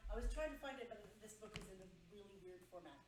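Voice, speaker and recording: A woman's voice: medium pitch, animated, quick pace. Woman player, far from the mic, really echoey and noisy, kinda unsure, lots of ums. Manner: hesitant, searching for rules. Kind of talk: tabletop game chat. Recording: echoey, distant mic with background noise.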